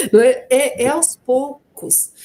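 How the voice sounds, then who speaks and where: A middle-aged Brazilian woman, an adoptive mother, telling personal anecdotes in a panel talk and often tagging her sentences with questions. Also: sits high. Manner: warm anecdotal telling, frequent tag questions. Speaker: adoptive mother and guest speaker.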